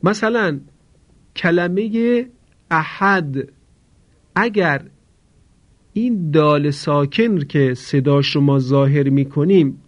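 A man teaching Quran recitation rules, explaining briskly, then chanting example words slowly for students to repeat. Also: on the high side. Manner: slow drawn-out recitation of example words between quick explanations. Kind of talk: tajwid lesson with call-and-repeat recitation. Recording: dull lo-fi recording.

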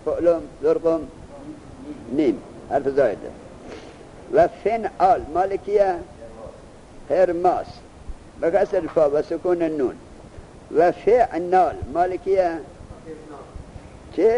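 A male teacher giving a classroom lesson, asking students quick questions and then reciting the answers himself. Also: a little high, animated, dark tone, a little hiss or hum, rough recording.

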